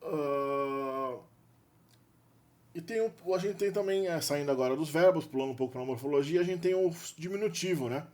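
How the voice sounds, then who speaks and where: A man's voice: on the high side, moderate pace, a little mellow. Brazilian man explaining grammar offhand. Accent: Brazilian Portuguese. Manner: thinking aloud, frequent "né?" tags and restarts. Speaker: linguistics video presenter. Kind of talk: unscripted explanatory lecture.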